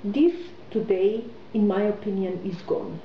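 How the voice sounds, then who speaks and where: A woman's voice: medium pitch, a little slow, slight background noise. Woman, hesitant, roomy sound. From Austria. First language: German. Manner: hesitant, many fillers and restarts. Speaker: interviewee, businesswoman. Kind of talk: conversational interview. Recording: roomy, slightly muffled recording.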